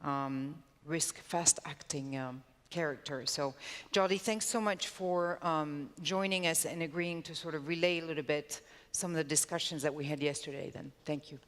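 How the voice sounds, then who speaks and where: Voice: medium pitch, steady tone, normal speed, fairly bright tone. A moderator introducing a speaker at a conference, hesitant with many "um"s. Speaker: session moderator. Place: conference hall. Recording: long hall reverb.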